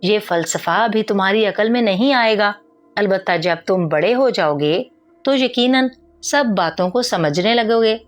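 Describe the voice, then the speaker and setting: A woman voicing a wise old male healer and magician who speaks in a measured, lecturing way. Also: mid-range voice, soft background music, lightly acted. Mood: calm advising.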